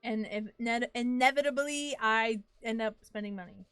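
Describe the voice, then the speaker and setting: A woman's voice: fairly high pitch, moderate pace, a bit bright, smooth, dry recording. A young woman live-streaming a game, chatting casually in a playful, giggly way and swearing now and then. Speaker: livestreamer playing a game.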